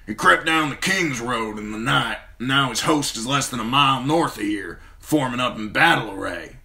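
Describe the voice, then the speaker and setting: A cocky mercenary swordsman, as a man puts him on, blunt and insolent. The voice sits higher and louder than the reader's own, with a bright, hard-edged sound. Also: lively intonation, normal speed, gravelly. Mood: reporting. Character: tough, insolent male sellsword, blunt.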